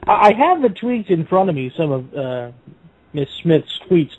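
A man's voice: fairly high pitch, big pitch swings, normal speed, slight background noise. A man co-hosting a casual podcast chat with dry, wry humor. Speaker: podcast co-host. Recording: tinny phone-like line.

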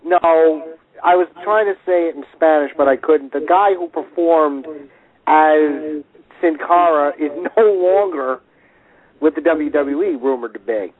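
A man with a slightly high voice talks slowly and rambles, stumbling through restarts as he hunts for words. His audio is narrow and tinny, like a phone call. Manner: rambling, hesitant, lots of restarts. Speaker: podcast co-host. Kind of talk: casual chat.

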